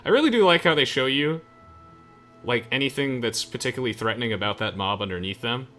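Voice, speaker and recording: A young man hosts a let's play video, chatting casually with friends while commenting on the game as its music plays. His mid-range voice is expressive and sharp-toned, and he talks quickly.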